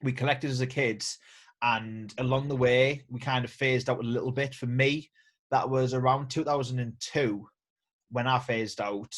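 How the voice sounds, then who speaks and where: A man's voice: mid-range voice, fairly even intonation, moderate pace, fairly bright tone. A man, hosting a casual interview, chatty with frequent ums and restarts. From England. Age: 30s. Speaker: host. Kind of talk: casual video-call interview.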